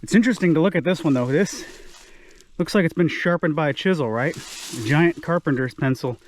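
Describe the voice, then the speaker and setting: A man's voice: on the high side, a little fast, a little hiss or hum. A man vlogging outdoors while working his land, chatty and self-deprecating, thinking aloud as he goes. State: slightly out of breath. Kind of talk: casual vlog talk to camera. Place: outdoors on a wooded clearing.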